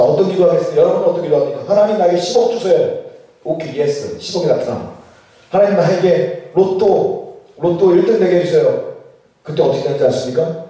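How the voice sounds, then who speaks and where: A man's voice: on the high side, dark tone. A male pastor giving a sermon at a church retreat, asking the congregation questions and leading them in reading scripture aloud. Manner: questions the congregation and leads group Bible reading. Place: large room with strong echo. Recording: echoey hall, voice from far off.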